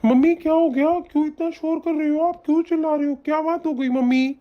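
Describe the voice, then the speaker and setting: A woman's voice: sits high, fairly even intonation, fast, a little hiss or hum, close to an everyday voice. A woman voicing a mild young husband, lo-fi. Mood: placating. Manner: mild, soothing.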